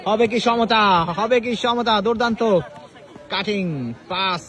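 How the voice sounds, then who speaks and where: A man giving frantic, excited live football commentary, repeating phrases as he follows the play. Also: high-pitched, measured pace. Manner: frantic, repeats phrases, bursts into shouts on shots and goals. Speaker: football commentator at a village match. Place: outdoors at a football ground. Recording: crowd noise, outdoor village field. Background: crowd.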